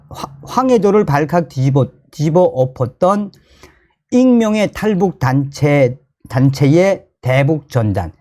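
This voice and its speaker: News commentary comes from the host of a commentary channel, a man from North Korea whose fairly high voice has a North Korean accent. He addresses viewers emphatically and excitably, with frequent repetition of his phrases.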